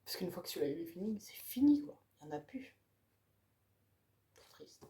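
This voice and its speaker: A woman's voice: on the low side, sing-song, moderate pace, mellow. A woman chatting casually and enthusiastically about the books on her reading pile. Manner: chatty, enthusiastic, ends phrases with "quoi". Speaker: book vlogger.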